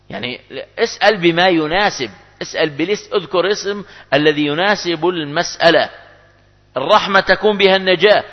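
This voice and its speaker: Guy preaching, bit high voice, emphatic, long hall echo. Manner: emphatic, rises in pitch and volume when quoting prayers. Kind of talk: religious lesson on supplication. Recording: dull lo-fi recording with long hall reverb.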